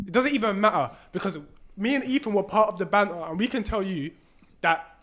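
A young man with an urban London roadman accent, arguing in a heated casual debate, insistent and quick to cut in and repeat himself. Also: high voice, expressive, a bit bright. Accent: London, urban roadman slang. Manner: argumentative, insistent, repeats and interrupts.

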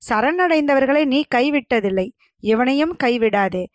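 A woman voicing a frail old male hermit who speaks in a soft, feeble, dreamy voice in a told story. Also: high voice, lively intonation, measured pace, dry recording, clean studio sound. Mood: solemn.

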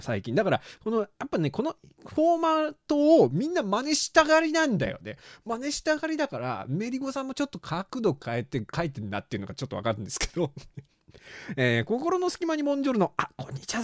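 Solo podcast host, male; animated and self-mocking, dry close sound. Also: on the high side, no echo. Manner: animated, self-mocking, laughs often at his own jokes. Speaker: podcast host reading listener letters. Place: small room at home.

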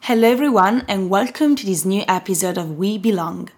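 A woman's voice: mid-range voice, brisk, a little mellow, husky, faint music behind. A woman hosting an interview, asking friendly, curious questions. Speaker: host.

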